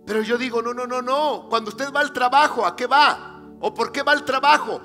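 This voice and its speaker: A male pastor preaching a sermon. He asks the congregation rhetorical questions, answers them himself, and rises to emphatic, near-shouted declarations. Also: extremely high pitch, normal speed. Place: church sanctuary. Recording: reverberant church hall with faint music.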